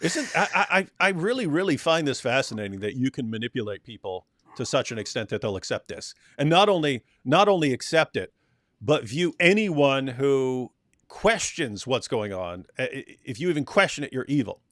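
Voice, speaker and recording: A man's voice: medium pitch, big pitch swings, moderate pace, a bit bright, dry recording. Sarcastic male commentator, dry close sound. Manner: sarcastic, mocking, interrupts with his own translations. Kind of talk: casual commentary over clips.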